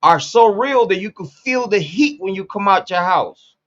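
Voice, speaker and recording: A man's voice: high voice, animated, moderate pace, fairly bright tone, muffled recording. A man in his late forties from Puerto Rico, hosting a casual commentary monologue in a blunt, profane way, repeating phrases for emphasis. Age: 40s. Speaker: commentary channel host.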